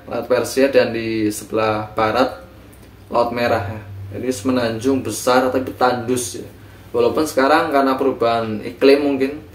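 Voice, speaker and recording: Male lecturer, casual and hesitant delivery, heard from across an echoey room. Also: mid-range voice. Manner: relaxed, conversational, frequent fillers and self-corrections. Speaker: teacher. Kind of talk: informal history lecture. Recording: echoey room, recorded from a distance.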